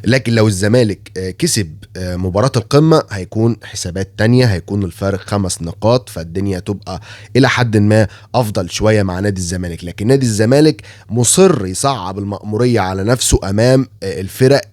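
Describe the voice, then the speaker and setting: Hoarse from a cold, a man with an Egyptian Arabic accent gives an informal, critical rant about football as a commentator, stumbling through fillers and restarts. He talks quickly at a fairly low pitch with a darkish tone, in a dry recording.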